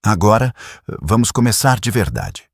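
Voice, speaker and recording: A man voicing a shrewd elderly male detective who speaks in a measured, gently probing way, in an audiobook reading. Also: lowish voice, sing-song, vocal fry, slightly rough, no echo, studio quality, voice pushed up, full character voice.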